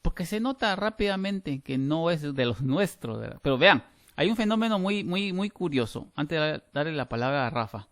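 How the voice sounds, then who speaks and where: Guy teaching an online grammar class, middle-aged, animated and emphatic, lots of restarts, dry close mic. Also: on the high side, moderate pace, dry recording. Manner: lively, emphatic, with frequent restarts. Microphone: video call.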